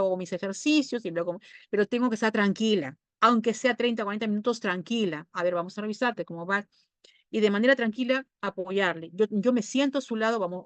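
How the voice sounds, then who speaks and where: Speaking in a mid-range voice on a dry recording, a Peruvian-accented child psychologist gives parents a casual talk. She chats conversationally, keeps tagging "¿no?", and does quick impressions of parents and kids.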